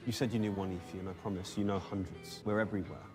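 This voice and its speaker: A man's voice: low-pitched, fairly even intonation, fast talker, darkish tone, faint music behind, close to an everyday voice. An actor playing a blunt, defiant young nobleman in a period TV drama.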